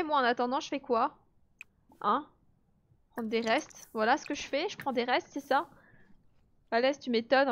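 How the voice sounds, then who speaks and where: A woman's voice: on the high side, dull audio. Chatty woman streaming a life sim. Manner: chatty, laughs often, reads and answers chat. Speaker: let's play streamer. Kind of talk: casual live gameplay commentary.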